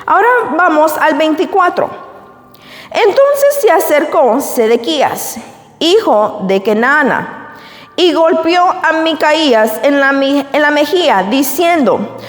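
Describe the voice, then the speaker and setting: A woman's voice: high-pitched, big pitch swings, slow pace. A woman pastor preaching a sermon. She reads scripture aloud and retells it in a conversational way, slipping English phrases in. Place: church. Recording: echoey church hall.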